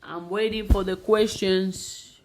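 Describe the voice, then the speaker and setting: Chanting affirmations and fielding questions in a slow, repetitive manner, a woman hosts a motivational live stream. Her medium-pitched voice holds a steady tone, and the room is echoey.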